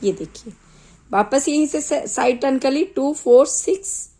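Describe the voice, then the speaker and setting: A woman with a sore throat teaching knitting step by step, calmly counting stitches aloud one at a time. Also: high-pitched, a little slow, low-quality recording. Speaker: knitting tutor. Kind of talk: slow step-by-step craft tutorial.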